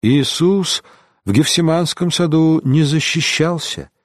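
A man voicing a meek, soft-spoken Franciscan friar in an audiobook. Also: a little high, unhurried, no echo, studio quality, pitched above the performer's own voice, lightly acted. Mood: pious.

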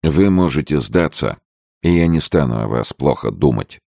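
A man voicing a battle-hardened outlaw chief in an audiobook, with a deep gravelly voice and a slow, somber, fatalistic manner. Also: expressive, mellow, no echo, studio quality, full character voice. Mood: grim. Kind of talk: audiobook character voice.

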